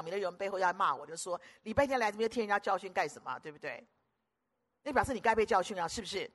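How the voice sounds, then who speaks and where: A woman's voice: on the high side, bright, forceful tone. An older woman preaching a sermon, emphatic, repeating phrases in lists and putting questions to the audience.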